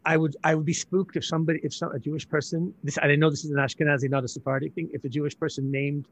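Soft-husky male author, thoughtful guest. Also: a little high, flat delivery, racing, no room sound. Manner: thoughtful, repeats words while searching for them. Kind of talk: conversational interview.

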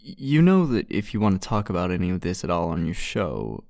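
A man's voice: low voice, very animated, brisk, creaky, darkish tone, dry recording, studio quality, heavily acted. An actor playing a young male art student who teaches, wry, blunt and self-possessed in an audio drama. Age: young adult.

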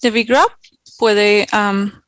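A woman's voice: mid-range voice, very slow. A woman working as a simultaneous interpreter, relaying a business meeting over a video call with brief asides. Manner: steady relaying of chair and speakers, brief asides.

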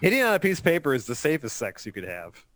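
A man's voice: fairly high pitch, wildly swooping pitch, quick pace, fairly bright tone, no room sound. A man in casual podcast chat, joking, laughing often and acting out quotes. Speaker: podcast co-host.

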